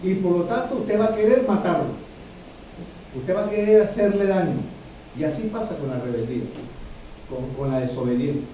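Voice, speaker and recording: Man, pastor, sermon, repetitive, checks in with listeners, high voice, distant mic, very echoey room. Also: animated, normal speed, long pauses, mellow, lo-fi sound, a little hiss or hum. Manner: repetitive, addresses listeners with frequent "¿sí?". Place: church hall.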